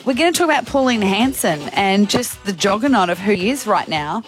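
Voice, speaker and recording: A woman's voice: medium pitch, animated, a little fast, over music. A woman co-hosting a radio show with casual, chatty banter. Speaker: radio co-host.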